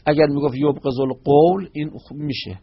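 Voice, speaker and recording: A man with a gravelly, husky voice teaches a religious lesson in a patient, explanatory way. He quotes short Arabic phrases and then glosses each one, often breaking off mid-word to correct himself. The recording sounds dull and lo-fi. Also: fairly high pitch. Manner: restarts and self-corrections.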